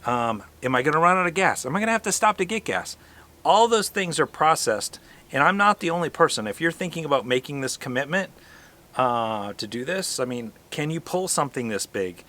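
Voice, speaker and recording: Bright-voiced man in casual vlog chat. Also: a little high, sing-song, a little fast. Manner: explanatory, talks in rhetorical questions. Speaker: RV travel vlog host.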